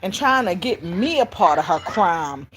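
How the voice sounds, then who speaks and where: Animated grandmother telling family stories. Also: measured pace. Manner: animated, acts out the child's and her own shouts in high squeals. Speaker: grandmother raising her granddaughter. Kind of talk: casual storytelling vlog.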